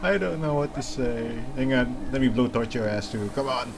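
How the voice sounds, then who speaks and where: A young Malaysian man hosts a gaming video, giving casual let's-play commentary where he jokes, swears and laughs at the game. His mid-range voice moves at a moderate pace over background noise, with game music and vehicle sounds clearly audible beneath him.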